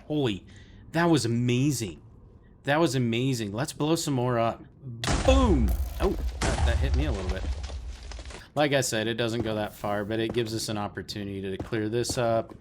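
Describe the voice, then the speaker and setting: A man hosting a let's play, chatting casually to viewers about his game and getting easily excited. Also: on the low side. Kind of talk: casual gameplay commentary.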